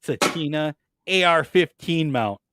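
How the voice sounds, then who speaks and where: A man's voice: a little high, animated, measured pace, noisy background. A man co-hosting a casual, mocking chat, reading out listings and laughing often. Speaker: co-host.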